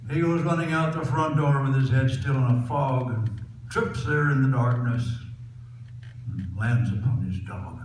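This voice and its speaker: A man with a cowboy twang recites folksy poetry to a live audience. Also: mid-range voice. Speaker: cowboy poet. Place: echoey room before a laughing audience. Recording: echoey hall from far off, loud noise.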